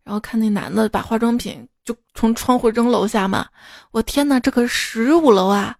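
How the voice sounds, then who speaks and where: A woman's voice: a little high, fairly quick, gravelly, darkish tone, no echo. A woman hosting a podcast, telling short funny stories in a chatty way and laughing at her own jokes, recorded on a close mic. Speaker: podcast host reading jokes. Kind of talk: casual joke storytelling.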